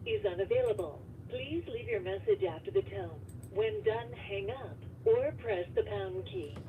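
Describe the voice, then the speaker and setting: A woman's voice: medium pitch, a little slow, distant mic. Woman as a recorded voicemail greeting, tinny speakerphone, set back from the mic, heavy background noise. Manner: recorded, evenly paced instructions. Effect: voicemail greeting heard over a phone line. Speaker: automated voicemail prompt.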